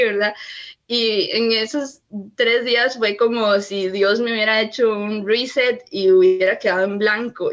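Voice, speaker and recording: A woman's voice: mid-range voice, fairly bright tone, highs cut off. A woman in her twenties with a Costa Rican accent, giving an earnest personal faith testimony as a podcast guest and tagging her sentences with "¿verdad?". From Costa Rica. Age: 20s.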